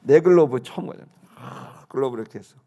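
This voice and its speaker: A middle-aged man telling a childhood story, acting out the quotes with sudden shouts and hushed asides. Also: medium pitch, lively intonation, fast talker. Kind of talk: animated storytelling.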